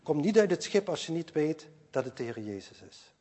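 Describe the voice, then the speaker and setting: Older male preacher, husky voice, earnest and repetitive, long hall reverb. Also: on the high side, big pitch swings, moderate pace. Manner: earnest, repeats key phrases, swings between loud stresses and quiet asides. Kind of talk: sermon.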